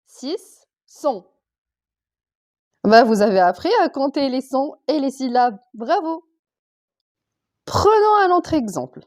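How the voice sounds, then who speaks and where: Primary school teacher, female, slightly high voice, patient and deliberate, breaks words into sounds. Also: sing-song, darkish tone. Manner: slow, clear, sounding out letters and syllables for young children. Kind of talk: primary school reading lesson.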